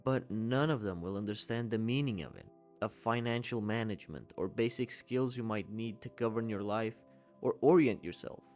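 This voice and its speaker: A man's voice: on the low side, moderate pace, a little mellow, soft background music. A man in his twenties giving a candid, conversational commentary voice-over and swearing casually. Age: 20s. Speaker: YouTube commentator.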